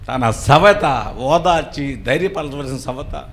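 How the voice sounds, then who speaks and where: A man preaching a sermon as a bishop, dramatic, swinging between loud rising calls and hushed low lines. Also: expressive, slow pace, slight background noise.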